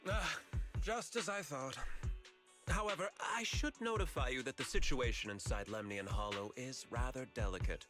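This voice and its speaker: A man's voice: mid-range voice, normal speed, natural voice. A man voicing a smug, suave corporate executive villain in a video game, formal and polished with veiled threats. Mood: formal, smooth. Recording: loud music behind the voice.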